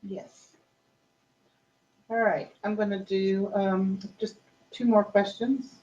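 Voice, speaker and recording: Slow-speaking woman, slightly dull recording. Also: mid-range voice, flat delivery, mellow. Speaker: questioner relaying audience questions. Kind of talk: casual question and answer. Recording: dull, muffled lo-fi sound.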